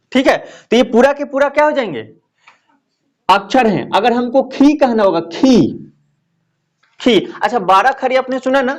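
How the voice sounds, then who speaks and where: Male teacher, high and animated voice, drills terms by repeating them and quizzing the class. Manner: explains slowly, repeats key phrases, asks students questions. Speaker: Hindi grammar teacher. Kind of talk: classroom lecture.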